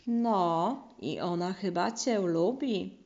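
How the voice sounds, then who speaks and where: Woman doing a fussy papa mouse from a storybook, loud and eager, slightly muffled. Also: mid-range voice, slow pace. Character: anxious fussy father mouse.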